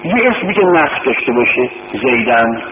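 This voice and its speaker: A man's voice: mid-range voice, sing-song. A man tutoring Arabic grammar informally, patiently repeating terms and quizzing his student. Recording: tinny phone-like recording with background noise.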